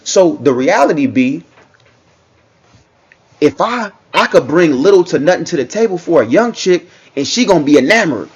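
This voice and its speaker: A man's voice: a little high, very animated, normal speed, slightly rough, muffled recording. A man giving casual reaction commentary, talking in a loose, repetitive way and often checking in with the listener. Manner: conversational, repeats himself, frequent "you know what I'm saying".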